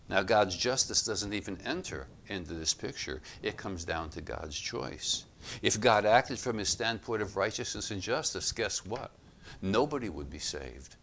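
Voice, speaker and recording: A man giving expository Bible teaching, reading passages aloud and explaining them in a measured, emphatic way. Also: lowish voice, fairly bright tone, slight background noise.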